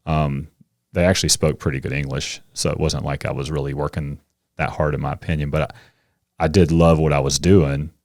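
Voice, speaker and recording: Low-voiced man telling lively stories. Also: a little fast, no room sound, studio quality. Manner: animated storyteller, acts out kids' voices. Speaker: coach and teacher, podcast guest. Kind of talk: casual interview conversation.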